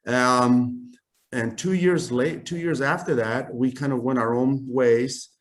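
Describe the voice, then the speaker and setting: A man's voice: medium pitch, fairly even intonation, slow pace. A man in his fifties from Chile, a native Spanish speaker, telling his life story in a casual video-call interview, rambling with many fillers and restarts. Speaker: guest, custom clothing company founder.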